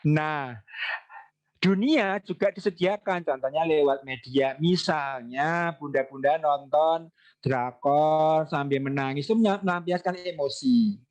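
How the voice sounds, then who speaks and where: A man's voice: a little high, unhurried. A man talking casually to parents in a question-and-answer session, reading out their questions and acting out everyday examples. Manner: lively, reads out questions and acts out examples.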